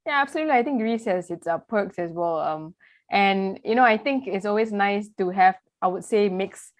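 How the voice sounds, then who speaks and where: A woman's voice: mid-range voice, normal speed, dry recording. A woman hosting an interview, asking long, chatty questions filled with "you know.". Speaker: interview host.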